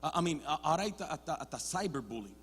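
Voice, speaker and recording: A man preaching a sermon as a pastor, switching between Spanish and English, restarting words often and swinging from quiet talk to loud shouting. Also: fairly high pitch, big pitch swings, quick pace, breathy edge, long reverb tail. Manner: builds to loud shouted passages, then drops to quiet. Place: church sanctuary.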